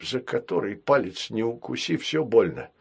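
A man reading a children's sci-fi storybook aloud, voicing a gentle, worried old male nanny robot who speaks softly and calmly. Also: medium pitch, normal speed, vocal fry, husky, full character voice.

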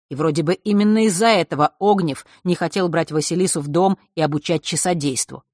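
A man narrating a young-adult fantasy audiobook in an even, measured way. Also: on the high side, no room sound, studio quality. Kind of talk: scripted narration.

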